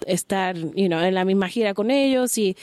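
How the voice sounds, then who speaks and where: A young woman from Puerto Rico, a musician, casually talking about her band's song choices in relaxed, halting phrases. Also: medium pitch, no room sound. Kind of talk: casual interview about the songs.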